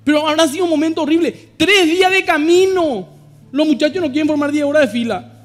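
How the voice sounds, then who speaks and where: A man's voice: very high voice, a little fast. A middle-aged man with a Paraguayan Spanish accent, preaching an emphatic sermon to his congregation and reading scripture aloud. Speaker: pastor. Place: church. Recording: long hall reverb with faint guitar music.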